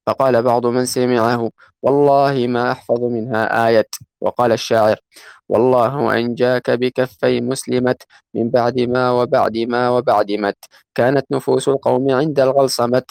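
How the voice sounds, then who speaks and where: A man reading a classical grammar text aloud to his teacher, going quickly and slowing down to chant the quoted verses. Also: medium pitch, creaky, a little mellow, no echo. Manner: fast recitation, slows to chant quoted verses.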